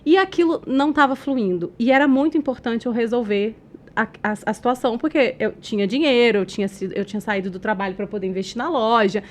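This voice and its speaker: A Brazilian woman who is a communication expert and a podcast guest, telling a personal story in an animated way, often laughing, who says she talks loudly by habit. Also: a little high, quick pace. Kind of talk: casual interview storytelling.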